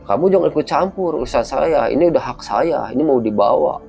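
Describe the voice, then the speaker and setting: A man's voice: mid-range voice, lively intonation, fairly quick, gravelly, darkish tone, soft background music. A man voicing an angry male spirit who quarrels and insists on his claim. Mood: angry, defiant. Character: angry hired spirit, male, possessive and defiant.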